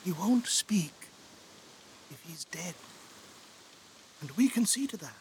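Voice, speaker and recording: An actor playing a remorseful royal brother in an earnest, pleading stage delivery for an audio drama. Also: male voice, high-pitched, lively intonation, takes it slowly, a little hiss or hum. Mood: firm.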